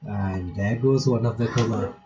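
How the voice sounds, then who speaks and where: Over music, a man with a voice on the low side speaks at normal speed while playing through a visual novel for his reaction channel. He reads the game's lines aloud and reacts informally between them. His home microphone gives a muffled, lo-fi sound with faint noise.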